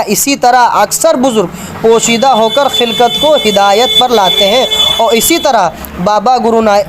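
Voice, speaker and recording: Casting: high-pitched man, polemical preacher reading from books, faint room hiss. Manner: argumentative, points at book pages for viewers. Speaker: religious speaker.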